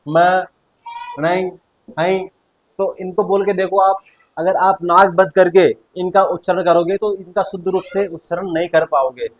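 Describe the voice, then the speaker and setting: A man's voice: high-pitched, low-quality recording. A male teacher explaining Hindi consonants, saying each sound aloud several times and checking in with students as he goes. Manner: explains patiently, repeats sounds aloud, keeps checking in with "theek hai". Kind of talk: Hindi grammar lesson.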